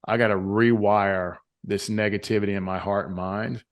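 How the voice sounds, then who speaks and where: A man's voice: lowish voice, fairly even intonation, moderate pace. A man with a Southern US accent and drawl, talking earnestly and emphatically as a motivational interview guest, repeating phrases for effect. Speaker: guest, author and retreat leader.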